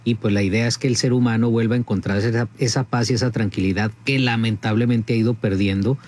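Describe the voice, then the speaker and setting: Calm middle-aged man. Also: on the low side, fast. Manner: calm, reassuring. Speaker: spiritual advisor guest. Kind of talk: radio talk.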